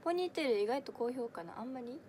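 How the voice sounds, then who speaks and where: Kansai girl in her 20s livestreaming, high little voice, giggly and chatty, reads out comments. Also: lively intonation, fast talker, darkish tone, slight background noise. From Kansai, Japan. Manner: chatty and giggly, many fillers, answers comments as she reads them. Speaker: idol audition livestreamer. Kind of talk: casual livestream chat reading viewer comments.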